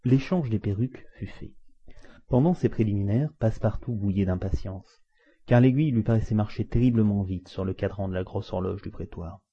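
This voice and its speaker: A man narrating a classic adventure novel aloud in an expressive, dramatic reading style. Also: on the low side, a little fast, husky. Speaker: audiobook narrator. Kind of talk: storybook narration. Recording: dull lo-fi recording.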